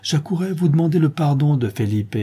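A generous young nobleman from a storybook, as a man reads him, earnest and conciliating. the tone is dark and husky and lifts a little above the narration. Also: fairly high pitch, lively intonation, brisk, voice pushed up. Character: gentle, generous young nobleman, older brother.

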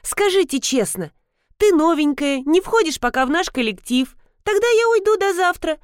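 A woman's voice: very high voice, very animated, moderate pace, no echo, studio quality, pitched above the performer's own voice. A woman voicing an eager, pushy young woman who boasts and insists on joining in.

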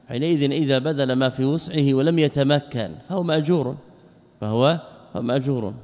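A man's voice: medium pitch, a little mellow. A man explaining a religious text line by line in a classroom lesson. He repeats phrases and asks rhetorical questions. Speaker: Islamic scholar teaching a text. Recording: long reverb of a lecture hall.

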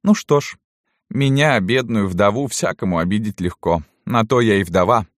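A man's voice: medium pitch, sing-song, a little slow, no room sound, clean studio sound, voice pushed up. A man voicing a cruel, mocking middle-aged noblewoman landowner who taunts her serfs in a sneering sing-song.

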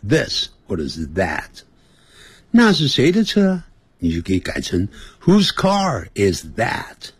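A man teaching English on a radio lesson, explaining patiently and saying the English example sentences slowly and carefully. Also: fairly low pitch, darkish tone, slightly rough, no room sound.

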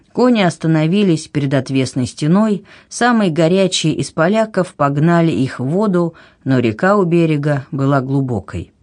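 A reader narrating an adventure audiobook in an expressive, animated way. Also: mid-range voice.

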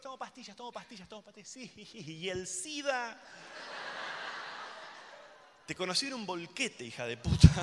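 A young man with a Rioplatense accent works a live stand-up set, his voice sitting high and leaping all over the place. He slips in and out of crude put-on voices and keeps addressing the crowd. The sound carries a long hall reverb with clear audience noise behind it. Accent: Rioplatense Spanish. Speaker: stand-up comedian.

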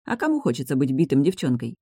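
A woman narrating a storybook chapter aloud, with expressive storytelling. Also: rumbling low, fast, slightly rough, dry recording, studio quality. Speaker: audiobook narrator. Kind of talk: scripted narration.

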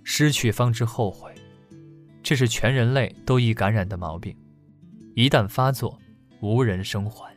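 Male audiobook narrator over soft guitar. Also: mid-range voice, measured pace, pauses often. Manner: steady storytelling delivery. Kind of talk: scripted narration.

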